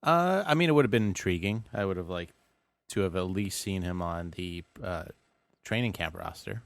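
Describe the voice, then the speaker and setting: Lowish-voiced guy cohosting a sports podcast, dry straight man, no room sound at all. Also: lively intonation, moderate pace, gravelly, no room sound. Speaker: podcast co-host. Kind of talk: casual sports chat.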